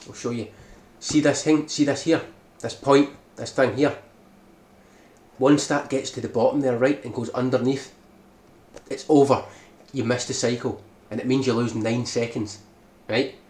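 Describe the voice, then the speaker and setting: Walking through a speedrun strategy, a male guide maker explains each step of the game tutorial and keeps asking "right?". He speaks at a moderate pace in a medium pitch, with a steady, darkish tone. The room is echoey and noisy.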